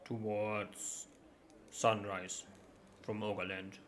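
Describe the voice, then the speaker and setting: A man plays a big, simple-minded ogre from a tabletop game. The voice is low and grudging, with halting broken speech, over audible background noise. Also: flat delivery, fairly bright tone. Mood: wary, simple. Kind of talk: tabletop role-play character voice.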